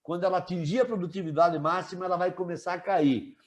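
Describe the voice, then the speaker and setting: A man teaching a live online class, relaxed and chatty, asking students questions and joking with them. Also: sits high, fast.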